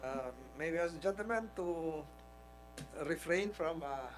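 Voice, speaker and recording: A Filipino man chairs a hearing with a slightly high voice. He speaks formally and politely, pausing often with fillers. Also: slight background noise, poor audio. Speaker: committee chair.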